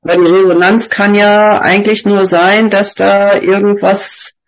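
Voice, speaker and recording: A man with a gravelly, slightly raised voice speaks hesitantly and keeps checking that the others agree. His computer microphone is overdriven, so every word comes through scratchy and clipped. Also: high voice, little pitch movement, measured pace. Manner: hesitant, seeking agreement with tag questions. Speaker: participant in a spiritual group session. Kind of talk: casual online group talk. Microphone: poor computer microphone.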